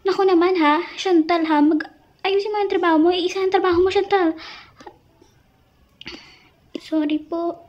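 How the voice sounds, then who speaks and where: A woman's voice: very high-pitched, fairly even intonation, fast, darkish tone. A woman voicing a poor, meek young female pizza worker who speaks politely and apologetically. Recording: dull lo-fi recording.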